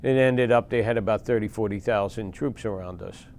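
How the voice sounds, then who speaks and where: A man in his sixties from Philadelphia, a veteran recounting war memories in a plain-spoken, halting way with pauses and fillers. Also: on the low side, a little mellow, a little hiss or hum. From Philadelphia, USA. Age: 60s. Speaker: veteran interviewee.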